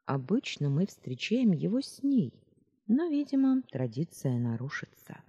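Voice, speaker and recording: A woman reading the part of an earnest young woman shopkeeper who is quick to take offence. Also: fairly low pitch, sing-song, dark tone, slightly rough, pitched above the performer's own voice, exaggerated voice. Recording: roomy reverb.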